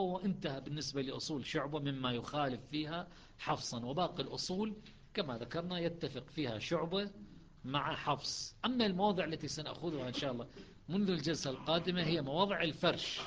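A man teaching the variant readings of the Quran, chanting verses slowly and then explaining them in quick speech. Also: fairly high pitch, highs cut off, slight background noise.

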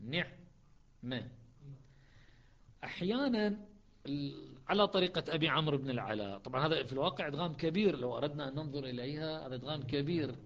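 A man teaching a lesson on Quranic readings, explaining step by step and slowing into chanted recitation. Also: a little high, lively intonation, highs cut off.

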